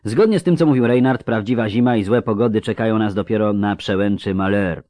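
A man's voice: lowish voice, a little fast, warm tone, dry recording, voice pushed up, lightly acted. A man voicing a brooding, curt male witcher in a read-aloud story. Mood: brooding, decisive.

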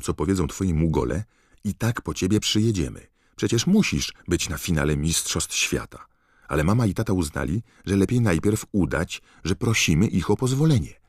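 A man's voice: deep voice, husky, dry recording, studio quality, voice pushed up. A man voicing an eager, chatty teenage boy reading out his own letter in an audiobook. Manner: excited, rattling on.

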